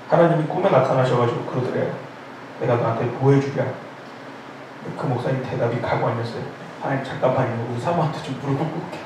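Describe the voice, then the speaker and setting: A middle-aged male pastor gives a loose, humorous sermon at a prayer meeting and calls himself loud. His slightly high voice rises and falls a great deal as he tells stories. He is picked up from across a strongly echoing church room, with a faint hiss behind him. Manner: animated, joking storytelling, calls himself loud. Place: church sanctuary. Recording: echoey church hall, distant mic, faint noise.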